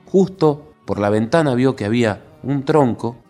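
A man narrating a scripted story in a lively, expressive way. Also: medium pitch, moderate pace, faint music behind.

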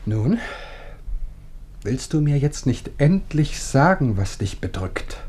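Sinister, sweet-talking husband. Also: male voice, medium pitch, sing-song, takes it slowly, darkish tone. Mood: menacing. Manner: coaxing turning to cold threat, mock-affectionate. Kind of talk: 1950s-style radio drama acting.

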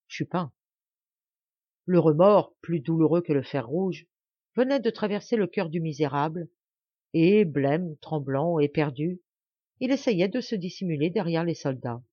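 A woman's voice: lowish voice, dark tone, dry recording, highs cut off. A woman narrating a classic novel as an audiobook, reading expressively and rising in force for the characters' quoted speech. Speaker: audiobook reader.

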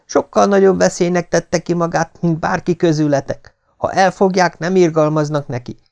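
A man's voice: fairly high pitch, fairly even intonation, vocal fry, a little mellow, clear, resonant tone, pitched above the performer's own voice. A man reading an audiobook voices an indignant young woman, speaking in a raised, breathless way. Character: proud, indignant young woman, commander's daughter.

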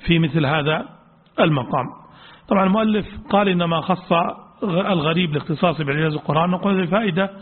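Fast-talking man lecturing, husky, tinny. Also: fairly high pitch. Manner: explanatory, repeats key points, reads quotes aloud. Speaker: lecturer on Quran exegesis. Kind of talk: religious studies lecture, explaining a text. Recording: tinny lo-fi lecture recording with long hall reverb.

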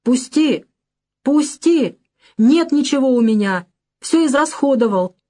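A woman voicing a drunken, unshaven older father who talks in a hoarse, angry bass with slurred bluster. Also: expressive, a little slow, darkish tone. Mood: panicked.

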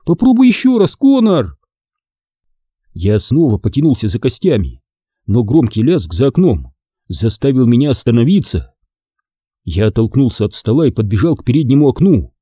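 A man reading a first-person adventure story aloud in an expressive, dramatic way. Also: mid-range voice, normal speed, breathy edge, no echo, clean studio sound. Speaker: audiobook narrator.

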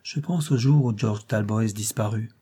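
A man's voice: lowish voice, normal speed, mellow, husky. A man reading an audiobook, voicing a furious young noblewoman trapped against her will who hisses through clenched teeth. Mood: bitter.

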